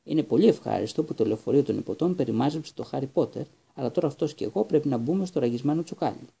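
Curt, weary middle-aged official, clipped delivery, dark husky tone, read by the male narrator. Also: mid-range voice, lively intonation. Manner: curt, stiff.

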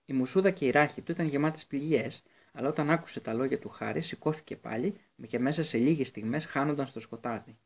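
Man reading an audiobook with slips. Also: mid-range voice. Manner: steady reading with occasional slips and restarts. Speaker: narrator.

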